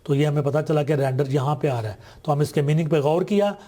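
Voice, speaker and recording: A man with a Pakistani accent teaching a textbook exercise, reading English sentences slowly and deliberately. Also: a little high, mellow.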